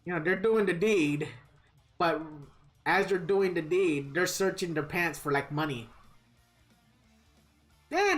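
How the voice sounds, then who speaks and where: A woman live-streaming a game, chatting casually with viewers in a kvetching, grumbling way and swearing freely. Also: deep voice. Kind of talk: casual livestream chat with viewers. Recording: guitar music behind the voice. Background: plucked guitar music.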